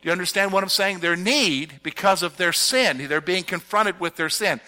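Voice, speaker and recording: High, bright-voiced man preaching. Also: moderate pace. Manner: animated, asks the audience to fill in words. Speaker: pastor teaching a Bible study. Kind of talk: expository sermon with audience questions.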